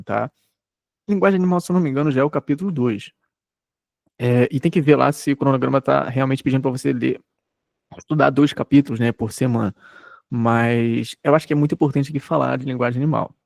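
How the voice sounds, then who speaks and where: A man's voice: mid-range voice, gravelly, a little mellow, dry recording, clean studio sound. A Brazilian man in his thirties giving a recorded university lecture, talking conversationally and often checking in with tag questions. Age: 30s. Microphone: desk microphone.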